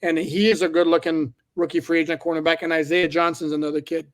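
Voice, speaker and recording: A man's voice: fairly high pitch, little pitch movement, fast. A man, a newspaper reporter guest on a sports podcast, giving blunt, candid opinions in casual talk.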